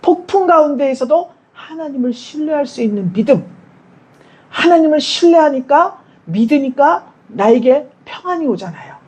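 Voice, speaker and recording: A woman preaching a Sunday sermon in a church, her voice high and mellow. She speaks to the congregation in a chatty way, putting questions to them and acting out quoted prayers. Her pitch swings widely from line to line. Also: very animated, normal speed, low-quality recording. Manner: conversational, asks the congregation questions; acts out quoted prayers and dialogue. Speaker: pastor.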